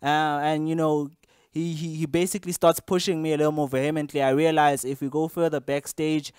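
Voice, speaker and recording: Smooth-voiced young man telling a rambling story. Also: on the high side, flat delivery, a little fast, darkish tone, no echo, studio quality. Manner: rambling, with many fillers and restarts. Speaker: interviewer recounting an incident. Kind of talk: casual storytelling to camera.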